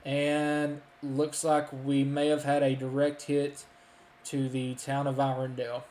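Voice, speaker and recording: A man giving urgent live storm warning commentary, often halting and thinking aloud as he tracks the weather. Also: mid-range voice, monotone, a little mellow. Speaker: severe weather live streamer. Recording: roomy echo, faint background noise.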